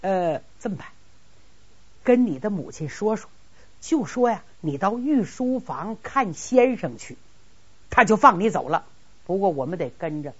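Woman doing a jittery servant guy, pleading, voice jumps high, lo-fi. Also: sing-song, a little slow, pauses often, breathy edge. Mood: fretful. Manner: pleading, nervous. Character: timid, fretful household servant man. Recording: dull lo-fi recording.

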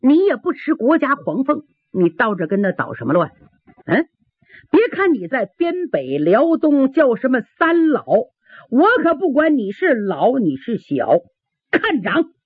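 A woman's voice: high-pitched, sing-song, measured pace, breathy edge, dry recording, voice pushed up, full character voice. A woman storyteller voicing a ruthless middle-aged male Taoist villain who threatens through gritted teeth, on a tinny old radio broadcast. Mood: menacing.

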